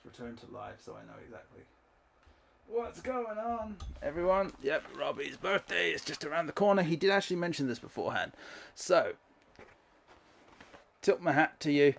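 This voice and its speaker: A man livestreaming a game with a fairly high voice. He talks casually with his viewers, swears freely and laughs a lot. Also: big pitch swings, moderate pace, gravelly, long pauses, a bit bright. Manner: profane, chatty, laughs often. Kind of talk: casual gameplay commentary. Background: game audio.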